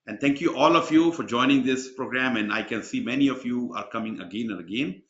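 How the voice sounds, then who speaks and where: Over dull, echoey video call audio, an exam mentor runs a webinar in a medium-pitched, slightly bright voice. He speaks fairly quickly and rambles chattily, leaning on lots of fillers.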